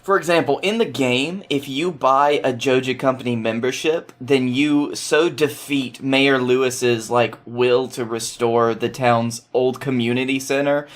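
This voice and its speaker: This male podcast guest speaks at a medium pitch, a little slowly and with few pauses. His explanations are loose and conversational, sprinkled with wry asides and the occasional swear word, in a casual chat.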